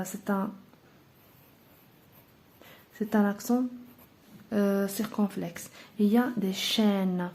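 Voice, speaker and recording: A woman's voice: medium pitch, mellow. Patient Moroccan woman teaching grammar. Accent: Moroccan Arabic. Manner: patient, step-by-step explaining with many fillers. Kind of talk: explaining a French grammar lesson.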